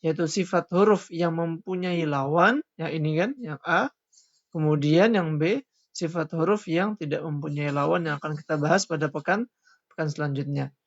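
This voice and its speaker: A man teaching Quran recitation rules in a lesson, loudly voicing each letter sound before explaining it more quietly. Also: on the high side, moderate pace. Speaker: tajwid teacher. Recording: dull lo-fi recording.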